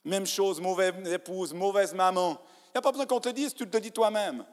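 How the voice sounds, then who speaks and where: A man preaching a sermon in a church, animated, acting out people's inner voices and swinging from hushed to loud. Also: sits high, normal speed. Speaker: pastor. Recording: church hall reverb.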